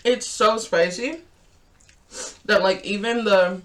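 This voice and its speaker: A woman's voice: mid-range voice, takes it slowly. A woman hosts a casual reaction video and chats freely. She laughs often and talks while she eats, with a mid-range voice. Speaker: host.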